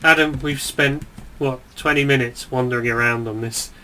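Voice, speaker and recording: A man's voice: medium pitch, steady tone, normal speed, pushed and bright, slight background noise. A young man from England co-hosting a gaming video, talking in dry, teasing banter. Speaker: let's play co-host. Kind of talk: casual gaming chat.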